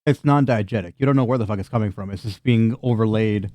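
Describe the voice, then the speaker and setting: A man's voice: lowish voice, quick pace, warm tone, no room sound. A man narrating a tabletop fantasy game as game master, in a casual, chatty, sweary style.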